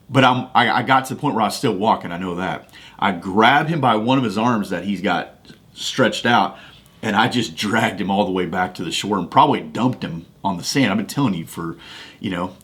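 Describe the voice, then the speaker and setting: A man's voice: on the low side, a bit bright. A man hosting a podcast, talking casually about faith and telling a personal story in a folksy, conversational way with frequent restarts. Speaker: podcast host. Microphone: studio microphone.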